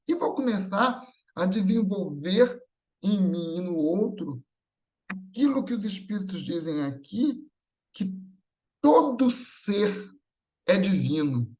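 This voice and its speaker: Teaching a spiritual gathering, this man from Brazil speaks with a Brazilian Portuguese accent and a strikingly high voice. He explains things didactically and partly off the cuff, repeating phrases to stress them and dropping in brief tag questions to check in.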